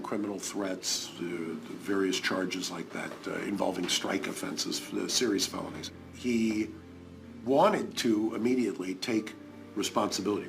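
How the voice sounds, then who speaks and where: Interviewee: middle-aged male lawyer, low gravelly voice, measured delivery. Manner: measured, matter-of-fact with 'uh' pauses. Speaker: defense lawyer. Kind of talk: documentary interview.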